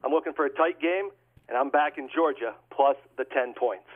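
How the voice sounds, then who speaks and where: A man's voice: mid-range voice, moderate pace. Phone-line male sports handicapper on radio. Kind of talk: football pick analysis on radio.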